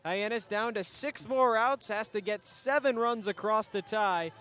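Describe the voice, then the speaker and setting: A man calling baseball play-by-play, brisk and chatty, bantering with his booth partner. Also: high-pitched, fairly bright tone. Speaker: play-by-play announcer.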